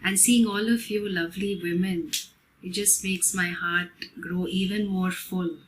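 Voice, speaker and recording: A woman spiritual teacher giving a devotional talk at a festival, explaining terms in a measured, gentle way. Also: fairly low pitch, fairly even intonation, slight background noise, rough recording.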